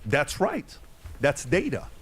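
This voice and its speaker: A man's voice: on the high side, huge pitch swings, slow, slightly rough. Blunt, emphatic middle-aged man. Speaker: guest storyteller. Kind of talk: casual chat.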